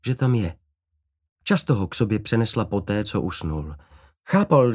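A man reading an audiobook in a measured, steady narrating voice. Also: lowish voice.

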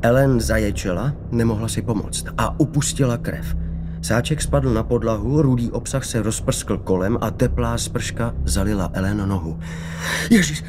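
A man reading an audiobook in a measured, steady narrating voice. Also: fairly low pitch, background noise.

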